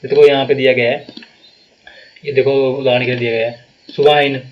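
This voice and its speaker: A man with a Himachali Hindi accent teaching a live online grammar class for exam prep, explaining slowly and repeating himself with many fillers. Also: mid-range voice, level tone, highs cut off.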